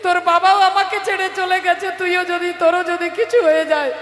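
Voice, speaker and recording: A woman's voice: extremely high pitch, lively intonation, unhurried, a bit bright, full character voice. A woman voicing a tender, fearful royal mother who pleads with her son, in an echoey hall with music behind. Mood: pleading. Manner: pleading, emotional.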